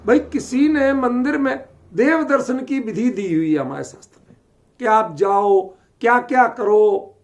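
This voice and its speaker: A man's voice: very high-pitched, unhurried. A man teaching a scripture lesson, often asking his listeners whether they follow the point. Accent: Delhi Hindi. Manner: questioning, keeps checking understanding.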